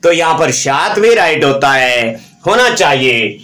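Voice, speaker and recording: Male teacher, high voice, recites forms and quizzes himself; roomy echo. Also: big pitch swings, measured pace, sharp tone. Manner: drills verb forms aloud, asks and answers his own questions. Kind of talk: live online grammar lesson.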